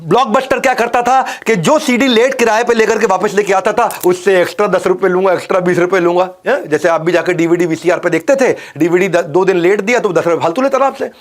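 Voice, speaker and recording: A man giving a motivational business talk, emphatic, repeating lines for stress and swinging from loud peaks to hushed asides. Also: sits high, fast, hardly any pauses. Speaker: business coach.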